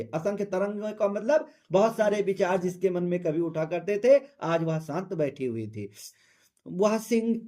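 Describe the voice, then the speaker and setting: Male Hindi teacher, high-pitched and unhurried, reciting verse slowly and then explaining it plainly. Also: mellow. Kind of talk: poem explanation lesson.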